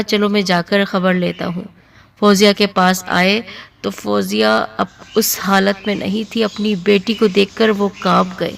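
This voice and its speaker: Gravelly woman narrating an emotional story. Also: medium pitch, distant mic, slight background noise.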